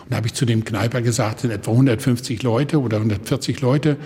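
Older german guy from up on the baltic coast, husky voice, telling lively stories, big echoey room. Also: medium pitch, fast talker. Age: around 70. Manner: lively storyteller who acts out the people in his stories. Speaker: guest, organ builder. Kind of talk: anecdotal storytelling in conversation.

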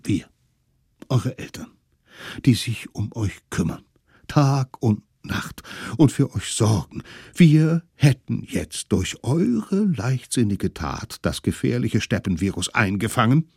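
A man's voice: medium pitch, very animated, slow, darkish tone, breathy edge, no echo, studio quality, voice pushed up, full character voice. A man doing stern, scolding cave parents. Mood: reproachful. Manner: scolding, indignant.

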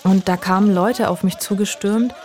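A woman reporter explaining events in a relaxed conversational way, using everyday examples from her own life. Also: mid-range voice, moderate pace. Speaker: foreign correspondent guest. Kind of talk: conversational podcast interview.

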